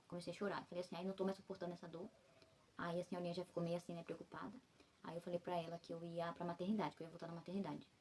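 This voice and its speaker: A woman's voice: lowish voice, warm tone, husky. A young woman from Brazil recounting a personal story in a rambling way, full of fillers and self-corrections, while recovering after childbirth. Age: young adult. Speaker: vlogger.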